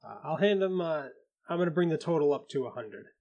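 A man's voice: a little high, lively intonation, a little fast, darkish tone, dull audio. A man playing a tabletop game, casually speaking for his character and stating his actions. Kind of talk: casual in-character role-play.

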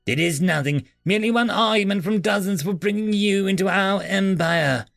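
A man's voice: high voice, moderate pace, gravelly, fairly bright tone, no room sound, clean studio sound, faint music behind, voice pushed up. A man voicing a proud, contemptuous male alien prisoner who speaks with disdain. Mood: scornful. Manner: haughty, disdainful.

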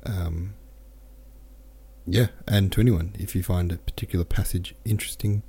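A man hosting a book podcast thinks aloud about a chapter, reads listener comments, then reads from the novel in a casual book-club style. His voice is low, creaky, husky and dark, with fairly even intonation at a normal speed.

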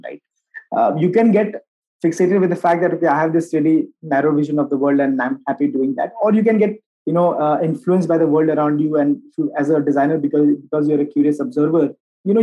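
A social entrepreneur and designer with a North Indian accent gives conversational, explanatory interview answers, often ending his points with "right?". His voice is fairly high, warm and husky, and the recording's highs are cut off.

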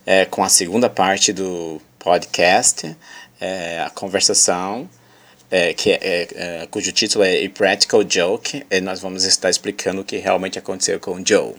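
A man hosting a podcast lesson, patiently explaining an English dialogue with many pauses and fillers, reading the English lines slowly and carefully. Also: low voice, fairly even intonation, a bit bright. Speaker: English teacher.

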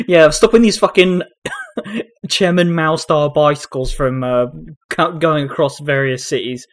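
A man's voice: fairly high pitch, slow, no echo, clean studio sound. A man co-hosting a podcast who mocks and swears freely in casual chat. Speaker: podcast co-host.

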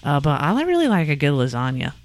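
Casting: co-host, middle pitch, animated intonation, casual chat. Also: fast.

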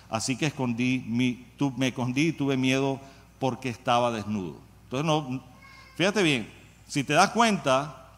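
Conversational preacher in a reverberant hall. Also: male voice, fairly high pitch, a bit bright. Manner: conversational, asks the congregation questions. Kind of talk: sermon.

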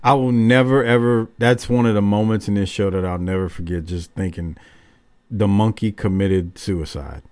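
A man's voice: fairly low pitch, fairly even intonation, moderate pace, darkish tone, clean tone. A man hosting a podcast, chatting casually and bluntly through a wrestling recap with some swearing. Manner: profane, blunt. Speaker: podcast host.

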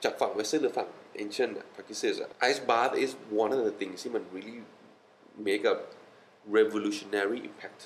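Enthusiastic man with a lower voice. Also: very slow, slight background noise, rough recording. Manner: enthusiastic, laughs often, repeats words. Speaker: wellness guest. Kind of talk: casual interview chat mixing English.

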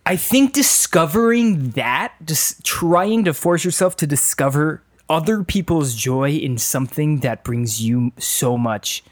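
Wry, halting male podcast co-host. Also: fairly high pitch, animated. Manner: halting, self-correcting, wry. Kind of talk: casual chat.

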